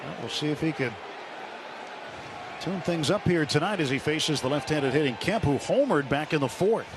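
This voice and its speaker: A radio announcer in the booth gives clipped, present-tense play-by-play of a live baseball game. His voice is on the high side, animated and moderately paced, with crowd noise and loud ballpark ambience filling the noisy broadcast.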